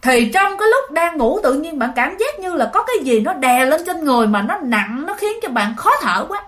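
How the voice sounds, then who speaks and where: Brief: woman narrator, casual ghost-story telling, slightly high voice. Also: very animated, brisk, a bit bright. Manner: chatty, addresses listeners directly.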